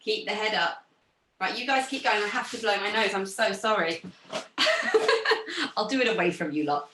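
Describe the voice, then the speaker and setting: A young woman teaching a pilates class over a video call, giving gentle, encouraging cues. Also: medium pitch, fairly quick, recorded from a distance, heavy background noise. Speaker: pilates instructor. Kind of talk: guided exercise class instruction. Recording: roomy sound from off the mic.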